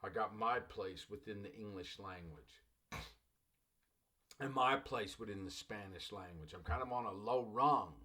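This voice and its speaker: This man speaks on the low side, a little slowly, with a bright, forceful tone. He's a middle-aged Los Angeles college English teacher giving a recorded lecture, loose and digressive, repeating phrases and addressing listeners as "class."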